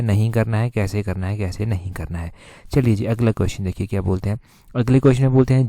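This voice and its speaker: A man teaches an exam-prep class, walking through each answer slowly and going over it again. His voice sits on the low side and sounds mellow and dark. The recording is dry and close, with no room sound around him. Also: no room sound. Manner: explains step by step, repeats answers, heavy use of filler "jo hai vo".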